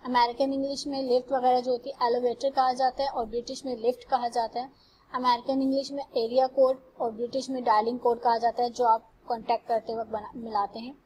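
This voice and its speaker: A woman teaching English grammar, reading example sentences slowly and carefully before translating them. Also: a little high, darkish tone, slight background noise, rough recording. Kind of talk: classroom lecture.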